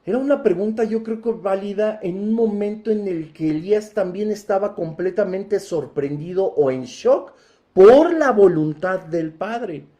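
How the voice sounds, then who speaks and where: A man preaching a Bible teaching sermon, emphatic, inviting listeners to picture each scene and swelling into loud, forceful passages. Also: high-pitched, animated, measured pace.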